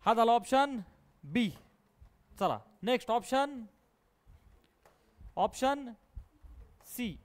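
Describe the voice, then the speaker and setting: A man with a Marathi accent teaching a maths class live, coaxing and prodding his students to answer quickly. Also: very high-pitched, animated.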